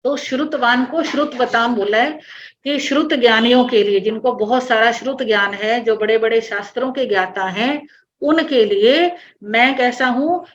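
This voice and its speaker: A woman with a fairly high voice teaching an online class, going over each verse slowly and repeating key words. The audio sounds dull and lo-fi, with faint background noise. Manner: patient line-by-line explanation with repetition. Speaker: religious teacher explaining a hymn.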